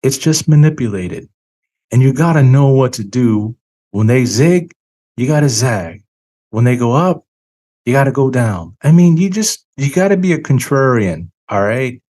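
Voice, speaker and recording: A man hosting a finance talk, speaking earnestly and emphatically, slowing down to stress key words, and saying he feels tired. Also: mid-range voice, lively intonation, warm tone. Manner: earnest, preachy, emphatic with dramatic slow stresses. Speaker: financial show host. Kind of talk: solo commentary monologue.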